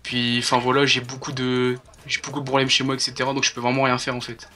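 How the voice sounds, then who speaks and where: A man playing a troubled, bullied gang member on a prank phone call, talking in a halting, rambling way. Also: mid-range voice, completely flat delivery, pushed and bright, faint music behind, lightly acted. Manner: speaking over the phone. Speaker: prank caller.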